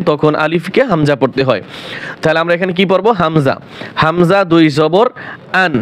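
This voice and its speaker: Male Quran teacher, high voice, slow patient letter-by-letter drills. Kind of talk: recitation lesson for beginners.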